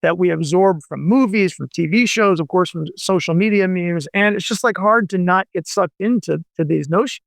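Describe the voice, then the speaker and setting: This high-pitched, gravelly male voice keeps a normal speed and rarely pauses, recorded without echo. He's a novelist in his forties on a radio interview, talking loosely and wanderingly, full of fillers and restarts.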